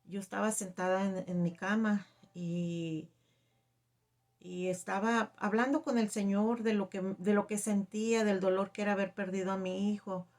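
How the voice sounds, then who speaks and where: A middle-aged woman telling a personal faith testimony, halting and emotional, with many fillers. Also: mid-range voice, steady tone, darkish tone. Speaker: testimony giver.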